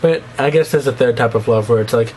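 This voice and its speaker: Talking quickly in a darkish tone, this young vlogger with a slight lisp delivers a rambling, self-deprecating monologue to camera. He keeps breaking into squeaky fake voices, and a little background noise is audible.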